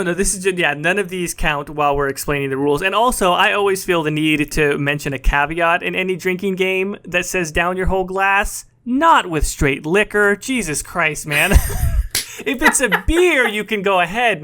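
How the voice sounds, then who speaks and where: A young man co-hosting a casual podcast. His voice is bright and sits a little high. He talks in a relaxed, chatty way and often tacks "man" or "bro" onto his lines. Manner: laid-back, chatty, says "man" and "bro" a lot. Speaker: podcast co-host.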